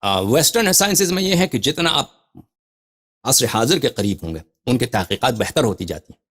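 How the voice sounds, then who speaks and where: A male religious scholar giving a lecture on scripture. He reads quoted passages slowly, then explains them with emphatic, repeated phrases. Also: medium pitch, sing-song, fairly bright tone. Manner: repeats and restarts phrases while thinking aloud.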